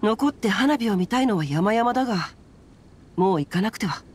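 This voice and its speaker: A woman's voice: medium pitch, lively intonation, normal speed, breathy edge. A woman voicing a witty young nobleman swordsman in a video game, breezy and glib. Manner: glib, breezy, proverb-quoting.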